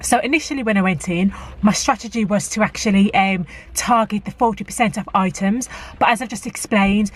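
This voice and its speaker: A vlogger with a medium-pitched voice talks fairly quickly to camera in a rainy car park outside a shop. In this casual vlog she shares practical tips, using plenty of fillers.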